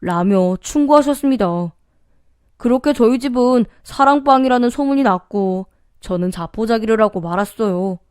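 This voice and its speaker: A woman's voice: mid-range voice, a little mellow, no echo, studio quality. A woman narrating a first-person story on a story-reading channel, with careful pronunciation and emotive delivery. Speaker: story reader.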